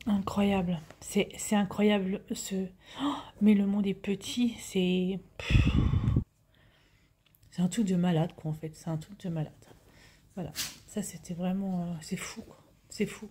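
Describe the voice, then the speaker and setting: A woman's voice: on the low side, fairly even intonation, measured pace, pauses often, dark tone, a little hiss or hum. A woman in her fifties telling a story to her viewers in a chatty way, full of fillers and restarts, sometimes dropping to a whisper. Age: 50s. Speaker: vlogger.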